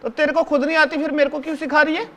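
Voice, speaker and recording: A man's voice: very high voice, flat delivery, racing. A male actor performing a one-man stage play as a talkative seventh-grade schoolboy who bosses his classmates and fawns over his teacher. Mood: showing off. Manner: bossy, chatty, keeps hushing and ordering classmates; fawning toward the teacher, repeats "sir" constantly. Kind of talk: live solo stage acting, addressing the audience.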